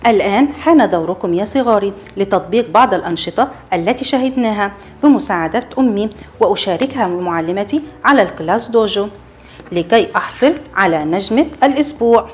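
A woman teaching young children a letter lesson, encouraging them and repeating each sound slowly and clearly. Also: medium pitch, lively intonation, slight background noise. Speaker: kindergarten teacher.

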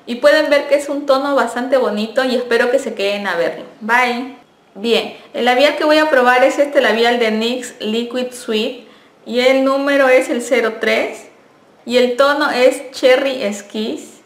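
A woman's voice: fairly high pitch, unhurried. Chatty young woman, echoey room. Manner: friendly, chatty, self-correcting. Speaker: beauty vlogger. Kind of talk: casual product review.

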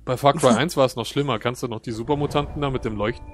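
A young Let's Play host with a mid-range voice talks fast, joking around in casual slang while commenting on a co-op video game. Game ambience plays behind him, along with slight background noise.

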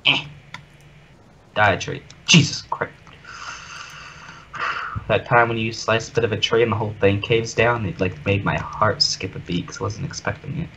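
A man's voice: lowish voice, creaky, lo-fi sound, slight background noise. A man chatting casually while building in a video game, joking and teasing his friend. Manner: joking, quick to tease, lively. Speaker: gamer co-host. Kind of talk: casual gaming chat.

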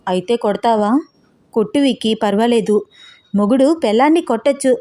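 A woman's voice: on the high side, a little fast, warm tone, no echo, clean studio sound, lightly acted. A woman voicing a playful young woman who teases her fiancé with coy remarks. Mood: teasing. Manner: teasing, coy.

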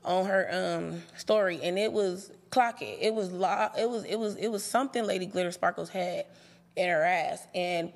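A woman's voice: mid-range voice, a little mellow, long reverb tail. A young woman casually recapping episodes of a reality show for her viewers, brash and sassy and swearing freely. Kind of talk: profane casual commentary to viewers.

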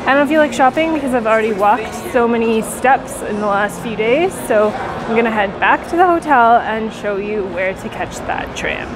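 A woman's voice: on the high side, lively intonation, normal speed, background noise. A woman in her thirties giving a chatty walking tour of an indoor hotel mall, talking into a handheld camera while she walks. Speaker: travel vlogger. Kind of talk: casual walking tour narration. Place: large indoor hotel shopping mall and hallways. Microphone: handheld camera at arm's length.

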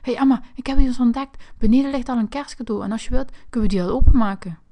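A woman voicing a curious, mischievous young boy in a toy figure play video, excitable and whining. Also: a little high, quick pace, natural voice.

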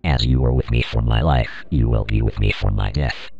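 A deathly cartoon sponge boy risen at his own funeral, as a male narrator puts him on, speaking in an extremely low, cavernous voice. Every word comes slow, solemn and ominous, and the sound is muffled and lo-fi.

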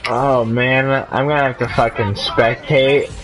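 A man's voice: medium pitch, flat delivery, unhurried, poor audio. A drunk man chatting casually over a game, rambling and swearing. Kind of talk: casual chat while gaming.

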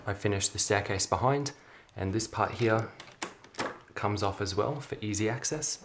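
A young man giving a relaxed, chatty show-and-tell of his hobby build at home, with frequent ums. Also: on the low side, normal speed. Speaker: LEGO hobby vlogger. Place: carpeted room at home. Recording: echoey room, faint noise.

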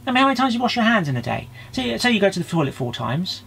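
A man's voice: big pitch swings, racing, vocal fry, fairly bright tone, a little hiss or hum. A male comedian from the UK talking through a comic lockdown video diary, rambling and restarting his sentences. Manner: rambling, self-interrupting, breaks into high-pitched mock crying.

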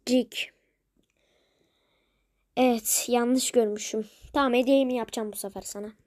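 A woman's voice: on the high side, fairly even intonation, a little slow, a little mellow, dry recording, studio quality. A woman chatting casually to viewers, rambling and grumbling in exasperation. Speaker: video creator.

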